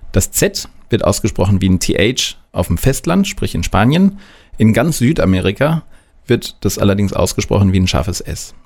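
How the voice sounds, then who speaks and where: A man explaining pronunciation in a clear, deliberate way, modelling example words as a language teacher. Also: fairly low pitch, a little mellow. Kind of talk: scripted instructional narration.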